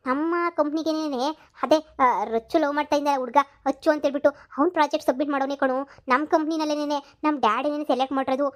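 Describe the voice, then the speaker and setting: A woman's voice: high-pitched, steady tone, quick pace, lightly acted. A woman voicing a chatty young woman in a cartoon comedy, gossiping eagerly. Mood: gossipy.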